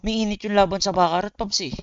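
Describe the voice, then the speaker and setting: Quick-paced and steady in tone, this high-voiced Filipino man streams games and competes in esports, chatting casually with viewers he calls buddies in a blunt, slangy, swearing manner. The recording has its highs cut off and a little hiss or hum.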